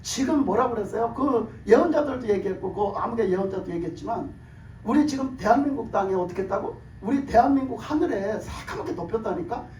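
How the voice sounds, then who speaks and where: A man preaching a sermon in a hoarse, worn voice, pressing his point with rhetorical questions and laughter. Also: sits high, lively intonation, quick pace, a little hiss or hum. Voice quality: hoarse, broken voice from years of shouted prayer. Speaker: pastor. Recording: echoey room, mic at a distance.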